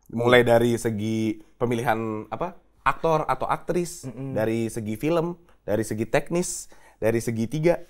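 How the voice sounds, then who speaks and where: A man's voice: medium pitch, moderate pace. A man hosting a casual talk show, teasing his guests and laughing often. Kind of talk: casual banter interview.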